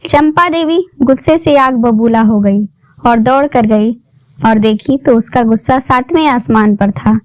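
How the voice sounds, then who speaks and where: A woman narrating a family drama story in a plain, steady reading voice. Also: on the high side, measured pace, dry recording.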